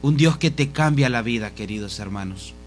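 A man preaching a sermon in a fervent, pleading way, his voice dropping soft each time he addresses the congregation. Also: mid-range voice, expressive, normal speed, slight background noise.

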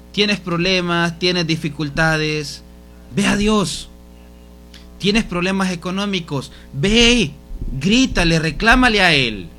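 A man preaching a sermon in a fervent, pleading way, his voice dropping soft each time he addresses the congregation. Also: medium pitch.

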